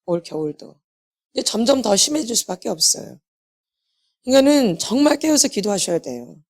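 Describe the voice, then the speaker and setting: A woman's voice: a little high, sing-song, moderate pace. A woman preaching a healing sermon to a congregation, repeating key phrases and asking questions she answers herself. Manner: asks the congregation rhetorical questions and answers them. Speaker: healing ministry lecturer.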